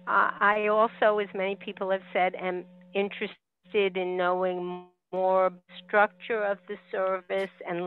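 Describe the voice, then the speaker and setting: A woman introducing herself in an online class, polite and measured, over a tinny call connection. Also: medium pitch, clean tone. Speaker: class participant. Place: online video meeting.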